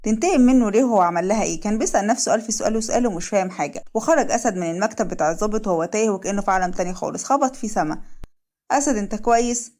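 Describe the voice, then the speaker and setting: Rapid-fire Egyptian woman storyteller. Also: medium pitch, lively intonation, a little mellow. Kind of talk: serialized story narration.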